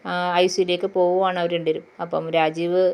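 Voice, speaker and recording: A woman recaps a TV serial in an easy, chatty way, padding her sentences with drawn-out filler sounds. Her voice sits low and stays fairly flat, without much rise and fall. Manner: chatty, fills pauses with drawn-out "aa" and "then". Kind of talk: casual plot retelling.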